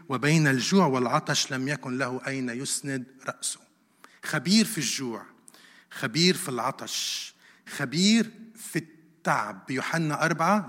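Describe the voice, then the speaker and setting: A man's voice: mid-range voice, a bit bright. A man preaching a sermon, asking rhetorical questions and repeating verses for emphasis. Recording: long hall reverb.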